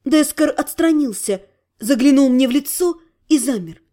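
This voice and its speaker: A woman's voice: high voice, expressive, normal speed, mellow. A woman narrating a first-person story as an audiobook, reading expressively with emotion.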